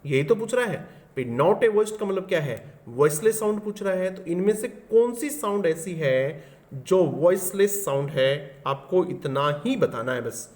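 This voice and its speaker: A man's voice: high-pitched, animated, unhurried, darkish tone. A man teaching an exam-solution lesson, explaining step by step and often asking the class questions.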